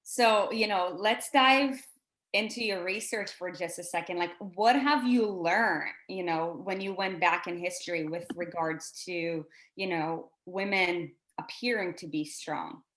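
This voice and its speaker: A woman's voice: fairly low pitch, a little slow, a bit bright. Chatty woman host from Israel, echoey room. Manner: chatty, filler-heavy with many likes. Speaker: podcast host. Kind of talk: casual podcast chat.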